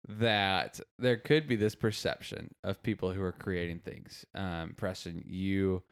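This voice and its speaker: A man's voice: low voice, unhurried, creaky, clear, resonant tone. A man hosting a podcast in casual chat, telling stories in a rambling way with many fillers. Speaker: podcast host.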